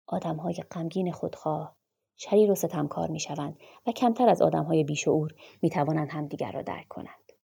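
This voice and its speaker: Woman reading a story aloud, low husky voice, dark tone. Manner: measured dramatic narration. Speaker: narrator. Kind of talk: literary audiobook reading.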